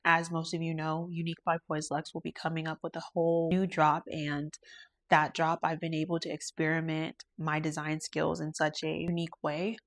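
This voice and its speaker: Earnest low-voiced woman podcaster. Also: level tone, normal speed, a bit bright. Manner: earnest, introspective, faith-centered. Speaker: podcast host and lash artist. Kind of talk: reflective solo podcast talk.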